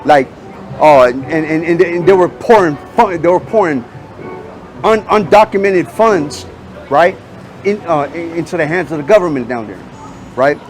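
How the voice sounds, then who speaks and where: A man's voice: a little high, moderate pace, soft background music. A man interviewing a stranger on the street in casual talk, pressing with questions and dropping in Spanish phrases.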